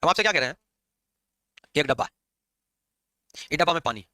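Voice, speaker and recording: A man lectures his chemistry class quickly, teasing and scolding students along the way. His voice is high and very bright, swooping up and down. The sound is dry and close. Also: no room sound. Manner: lively, scolding and joking with students. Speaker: chemistry teacher.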